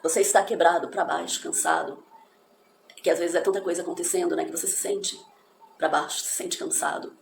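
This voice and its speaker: Casting note: woman teacher, lowish gravelly voice, encouraging and reflective, roomy echo. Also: fairly even intonation, a little fast. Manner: encouraging, reflective, spells out pronunciations. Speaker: English teacher. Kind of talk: motivational English lesson. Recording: echoey room with faint background noise.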